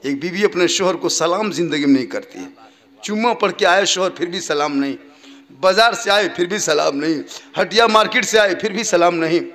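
Preaching man swinging from mutters to loud chant. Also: sits high, lively intonation, moderate pace. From Jharkhand, India. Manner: humorous, mocking asides in local dialect. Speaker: Islamic preacher. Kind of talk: sermon at a religious gathering. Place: outdoor religious gathering.

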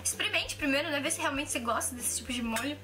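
A twenty-something woman chats casually in her kitchen for a home cooking vlog, her high-pitched voice quick and sharp as she keeps restarting sentences and filling gaps with fillers. She's recorded on a camera mic held at arm's length. Music plays under her voice, along with the clink of dishes.

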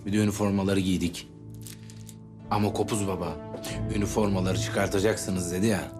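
A young man playing an earnest, wry young soldier in a TV series, deadpan and ironic, with faint music behind. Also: low voice, moderate pace, lightly acted. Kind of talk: TV series acting.

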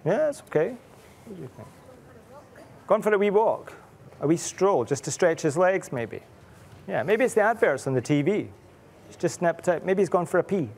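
Middle-aged author reading to kids; playful, animated, quizzes the audience. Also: male voice, sits high, brisk, creaky, a little hiss or hum. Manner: playful, asks children many questions. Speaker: author and illustrator reading to children. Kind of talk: reading aloud to children.

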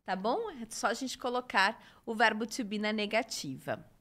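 A woman with a Brazilian Portuguese accent teaching an English lesson on a live stream, repeating model sentences slowly and reading out viewer comments. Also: on the high side, fairly bright tone.

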